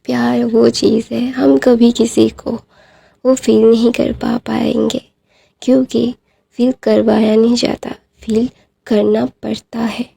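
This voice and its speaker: A woman with a hoarse, sore throat narrating a fan fiction story and chatting with her listeners. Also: fairly high pitch, little pitch movement, takes it slowly, warm tone. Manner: chatty, addresses listeners as guys.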